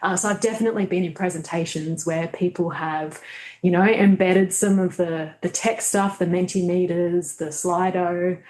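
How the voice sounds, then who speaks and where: Fairly low in pitch and fairly even in intonation, this woman speaks at a moderate pace with a darkish tone, and the sound is reverberant. She's a guest in a casual webinar chat over video call, thoughtfully searching for words on presentation tips, with many fillers and restarts.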